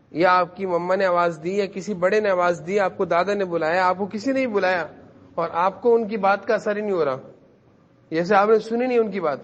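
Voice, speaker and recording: A man's voice: high-pitched, muffled recording. A man teaching a class of children in a madrasa, who repeats his points and keeps quizzing the kids to answer. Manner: repetitive, questions the children and urges them to answer.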